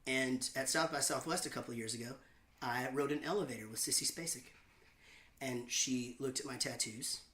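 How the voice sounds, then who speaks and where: A man hosting his own show, chatting and telling rambling, self-mocking stories between songs with deadpan jokes. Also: mid-range voice. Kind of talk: casual banter between songs. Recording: roomy echo with faint guitar.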